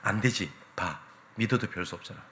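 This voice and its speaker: A man's voice: lowish voice, expressive, fairly quick, a bit bright, a little hiss or hum, pitched below the performer's own voice. A man voicing Satan as a sly tempter who coaxes and scoffs. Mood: scoffing. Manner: sly, coaxing. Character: Satan, a sly male tempter whispering doubt.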